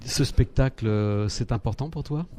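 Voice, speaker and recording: A man's voice: mid-range voice, moderate pace, a crowd in the background. A man doing a casual interview, prompting with short follow-up questions. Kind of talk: casual interview with young performers. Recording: clearly noisy background with clicks.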